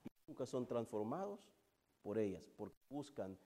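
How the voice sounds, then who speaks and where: A man preaching a sermon, moving between hushed, drawn-out passages and loud, fervent build-ups. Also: medium pitch, sing-song, slight background noise.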